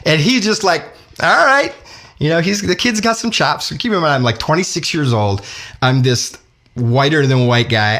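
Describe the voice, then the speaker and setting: A man spinning a casual personal story for listeners, talking in a relaxed conversational flow. He rephrases and circles back as he goes and keeps the telling lively and engaged. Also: mid-range voice. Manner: conversational, lively, with self-corrections and asides.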